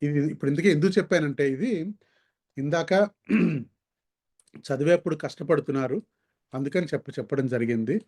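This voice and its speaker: A man leads an online language class, his voice sitting a little high. He drags out syllables and repeats words slowly so learners can copy the sounds. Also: darkish tone, breathy edge. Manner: slow, careful demonstration of sounds. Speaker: Sanskrit teacher.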